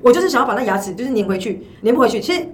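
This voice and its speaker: A woman co-hosting a podcast in a casual chat, telling a story in an animated, chatty way with a Taiwanese Mandarin accent. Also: on the high side, very fast, far from the mic, a little hiss or hum. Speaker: podcast co-host.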